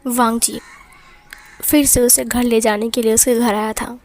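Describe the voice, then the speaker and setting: A woman retelling fan fiction as a storyteller, in plain, steady narration. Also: fairly high pitch, unhurried.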